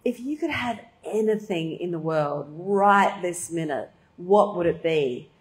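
A woman reading aloud plays a sleazy older man at a rave, with a smooth, schmaltzy hush. The voice sits low and slow. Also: lively intonation. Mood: oily. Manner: schmaltzy whisper.

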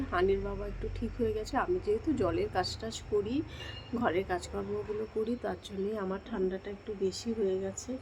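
A woman in her thirties with a Bengali accent, vlogging at home while sick with a cold and a blocked nose, speaking softly to spare her sore throat. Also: mid-range voice, low-quality recording. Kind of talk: casual home vlog narration.

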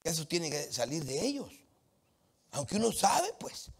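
A man from Latin America preaching a sermon, animated and emphatic, with humorous anecdotes from the street. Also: on the high side, a little slow, vocal fry, husky.

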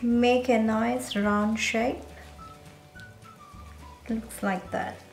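A woman with a slightly high voice talks through a recipe at a slow, unhurried pace, giving plain step-by-step instructions. Her voice rings in an echoey home kitchen. Faint music plays behind her. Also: steady tone, creaky. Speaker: cooking channel host. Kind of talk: cooking tutorial voice-over.

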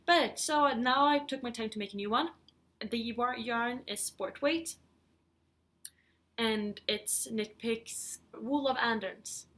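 A woman's slow, fairly bright voice, pitched a little high, carries a Swedish accent as she hosts a knitting vlog podcast. She's from Sweden, in her thirties, and talks casually with slight hesitation from her living room at home.

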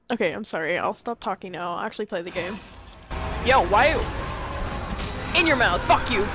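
A woman giving excitable let's play commentary on a horror game, swearing, laughing and fangirling. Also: on the high side, noisy background. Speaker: gamer playing a horror game.

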